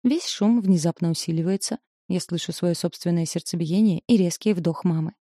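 A woman's voice: fairly low pitch, moderate pace, dark tone, no room sound, studio quality. A woman reading a novel aloud in the first person, telling a tense, confessional story. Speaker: audiobook narrator.

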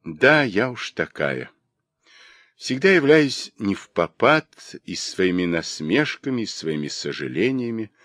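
A mocking young lady of the gentry, as a man reading a novel aloud puts her on. She talks fast and sharp, her pitch lifted a little above the reader's low voice and moving in lively swings. The sound is close and dry. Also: dry recording.

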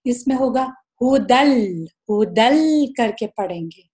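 A woman teaching Quran recitation rules in a recorded lesson, explaining slowly, drawing out each recited example and mixing English words into her talk. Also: a little high, animated, darkish tone.

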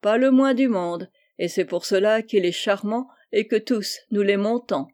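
A woman reading a stern, measured mother. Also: mid-range voice, darkish tone, close to an everyday voice. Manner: measured, firm, admonishing. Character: stern, wise middle-aged mother.

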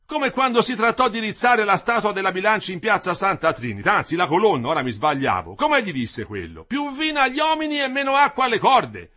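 A man's voice: high-pitched, very animated, fairly quick, few pauses, bright, forceful tone, pitched above the performer's own voice, full character voice. A man reading the part of an old bricklayer who grumbles indignantly and fires off questions. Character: old grumbling Florentine bricklayer, moderate socialist.

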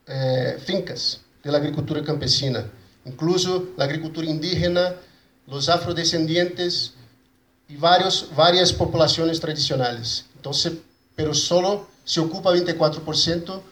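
A man with a Brazilian Portuguese accent and native Portuguese gives a conference presentation in a halting mix of Spanish and Portuguese, repeating and rebuilding his words. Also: fairly high pitch, fairly bright tone. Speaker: conference speaker for an agroecology movement. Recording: roomy echo, faint background noise.

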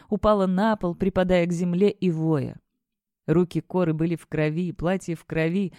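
Mellow audiobook narrator, steady measured read, super dry close mic. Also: medium pitch, dry recording.

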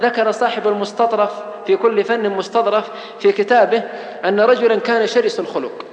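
A man preaching a religious lecture at a fast clip, his voice pitched high for a man. He drives his points home with oaths and piled-up lists, and the sound rings out in a large hall with a long, roomy reverb. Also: fairly even intonation, dull audio. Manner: emphatic, oath-laden preaching with rhetorical lists.

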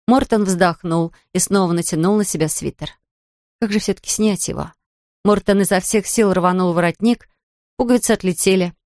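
A woman reading a children's storybook aloud in a calm, even manner. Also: on the low side, no room sound, studio quality. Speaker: narrator.

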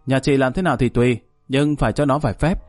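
A man's voice: medium pitch, steady tone, fast talker, a little mellow, dry recording, faint music behind, lightly acted. Man as crude extortion caller; curt, pressuring, plain mid voice, dry. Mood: pushy. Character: crude male extortion caller, pushy and evasive.

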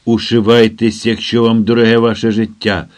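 A man reading an audiobook, voicing a frantic young programmer who shouts urgently into a radio. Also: medium pitch, moderate pace, natural voice. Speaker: character in an audiobook.

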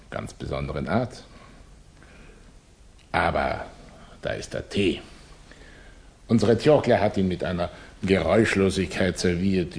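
In a German radio play, a male actor portrays a cunning Russian émigré revolutionary who is flattering, condescending, and floridly, oilily polite. His heavily acted voice is extremely low, with vocal fry and a breathy edge.

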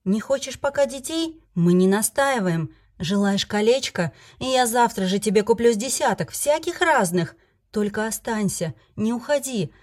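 A woman voicing a devoted young male dragon lord who coaxes and pleads softly. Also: a little high, animated, normal speed. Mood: pleading. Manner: soft, coaxing pleading.

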